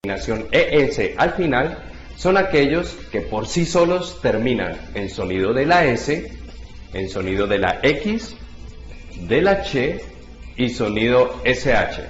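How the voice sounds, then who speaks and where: A man giving an English lesson, explaining verb endings methodically and spelling out each example slowly. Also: medium pitch, sing-song, lo-fi sound. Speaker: English teacher. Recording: roomy echo with faint background music.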